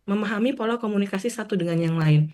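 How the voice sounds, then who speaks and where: A woman speaking as a guest on a radio talk show, giving relationship advice in a measured, explaining way with frequent hesitation sounds. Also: mid-range voice, dark tone.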